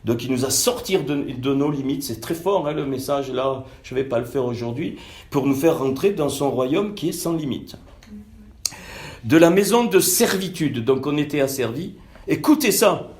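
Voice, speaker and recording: Over an online call with echoey audio, a man gives an informal Bible teaching in a mid-range, darkish voice at normal speed. He sounds animated but hesitant, full of fillers and restarts, and becomes emphatic when reading scripture.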